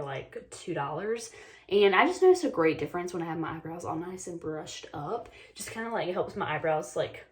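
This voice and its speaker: Her pitch is fairly low and her tone darkish. This beauty vlogger, a woman in her twenties from North Carolina, is a little sick and losing her voice while chatting casually through a get-ready-with-me makeup routine, using lots of "like" and "um."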